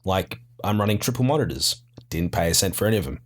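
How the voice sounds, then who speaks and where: A man's voice: low voice, animated, fast talker. A man with an Australian accent chatting casually on a podcast, laid-back, rambling and self-mocking. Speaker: podcast guest. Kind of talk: casual chat.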